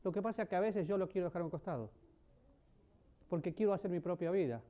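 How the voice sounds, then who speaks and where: A man preaching a sermon, asking the congregation questions and swinging between loud emphasis and soft, low passages. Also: expressive, fast. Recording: dull lo-fi sermon recording.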